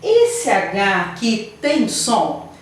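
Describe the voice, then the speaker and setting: A woman's voice: mid-range voice, huge pitch swings, extremely slow. A woman teacher giving a lesson, explaining patiently and often checking in with her pupils. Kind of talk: online class lesson. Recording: very echoey room, voice from a distance.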